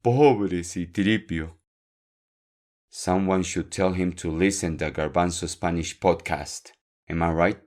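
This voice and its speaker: Man, podcast Spanish teacher, deep voice, unhurried, clear and encouraging with learners. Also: a little mellow. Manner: slow, clear, repeats words for learners. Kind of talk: podcast language lesson.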